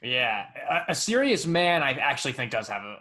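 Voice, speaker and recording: Bright-voiced enthusiastic young man. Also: medium pitch, very animated, brisk. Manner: enthusiastic, rambling, swears casually. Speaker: podcast co-host. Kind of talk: casual chat.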